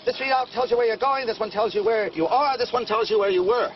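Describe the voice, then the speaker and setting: Excitable eccentric scientist played by a man, very high voice, rapid explaining, dull lo-fi film clip from off. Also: distant mic, faint music behind, lightly acted. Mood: excited.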